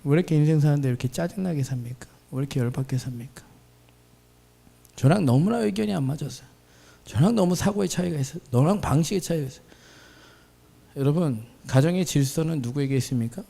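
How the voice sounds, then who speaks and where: A man in his thirties preaching with lively energy, swinging his voice as he acts out the people in his stories. He has a mid-range voice and speaks to a youth congregation in a church. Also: a little high, fast talker, creaky. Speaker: pastor. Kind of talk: sermon with acted-out anecdotes. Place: church hall.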